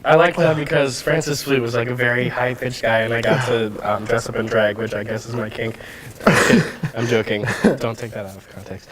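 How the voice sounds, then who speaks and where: A young male student actor with a mid-range voice is a guest on a casual hot sauce interview. He jokes and exclaims at the heat. Crowd chatter carries clearly behind him. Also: medium pitch, little pitch movement, normal speed.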